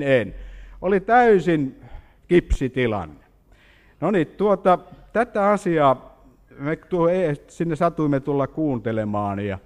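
Man preaching, animated storytelling, lively up-and-down voice, echoing hall. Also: a little high. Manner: animated storytelling with questions to the congregation. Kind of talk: sermon. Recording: hall reverb.

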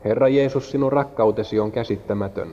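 A man's voice: mid-range voice, warm tone, a little hiss or hum. A man interpreting a sermon line by line, following the preacher's rise and fall, with small slips and restarts. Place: church hall. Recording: muffled sound in a reverberant hall.

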